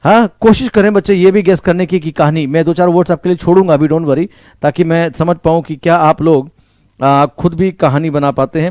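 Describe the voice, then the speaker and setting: Man, Indian English accent, vocabulary teacher, repeats and quizzes, fairly high voice, dry close sound. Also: a little mellow, no echo. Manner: repeats key words and quizzes the listener; mixes Hindi with English phrases. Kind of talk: online vocabulary lesson.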